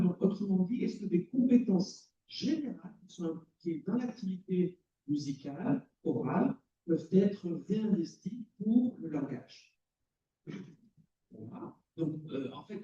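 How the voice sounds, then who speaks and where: A man's voice: sits high, mellow. A man giving a conference talk as a cognitive psychology lecturer, explaining and quizzing the audience. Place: lecture hall. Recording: roomy, distant, dull.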